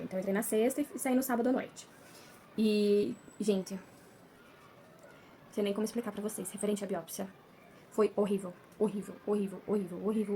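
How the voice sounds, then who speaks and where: A woman's voice: medium pitch, darkish tone, slight background noise. A woman telling a personal story to her viewers in a casual vlog. She is emotional and repeats words for emphasis. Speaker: vlogger.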